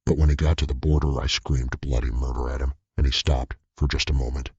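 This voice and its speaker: A man narrating a scripted horror story in a steady, tense way. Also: a bass voice, brisk, vocal fry, slightly rough, no room sound. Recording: dull lo-fi recording.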